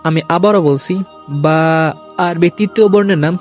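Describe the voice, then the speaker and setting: A man teaching Arabic letter sounds in a video lesson, saying each letter slowly and then repeating it for learners to copy. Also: fairly high pitch, fairly even intonation, a little mellow, faint music behind.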